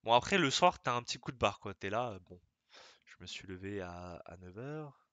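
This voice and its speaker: A man's voice: lowish voice, animated, moderate pace, fairly bright tone, dry recording. A young man streaming live, chatting casually in a rambling, slangy way that keeps interrupting itself.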